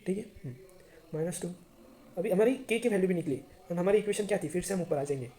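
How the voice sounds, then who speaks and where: A man's voice: high-pitched, expressive, fast talker, mellow. A man teaching a math lesson to students, chatty and often checking if they understand.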